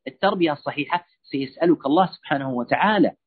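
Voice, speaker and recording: A man's voice: on the high side, animated, racing. A man giving a religious lecture on parenting, answering listeners' questions in an earnest, admonishing way with lots of repetition. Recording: husky voice over a tinny phone-like line.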